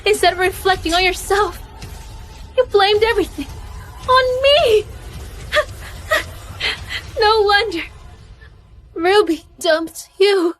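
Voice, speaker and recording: A woman's voice: very high-pitched, fairly even intonation, unhurried, fairly bright tone, soft background music. A woman voicing a bitter, taunting young mistress in a dubbed drama.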